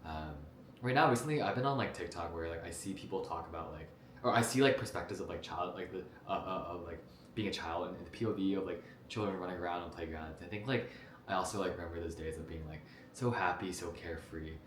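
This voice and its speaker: Young guy from jersey just yapping to the camera, low voice, um and like everywhere, kinda echoey room. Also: quick pace, a little hiss or hum. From New Jersey, United States. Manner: rambling, lots of "like" and "um", restarts. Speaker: vlogger. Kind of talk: casual talk to camera about his life. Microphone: camera mic.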